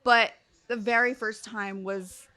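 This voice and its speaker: A woman's voice: medium pitch, steady tone, slow, bright, forceful tone. A woman in her thirties, a guest on a family podcast, telling a frank story in a candid, easygoing way. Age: 30s. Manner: candid, laughs easily. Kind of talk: casual chat, frank storytelling.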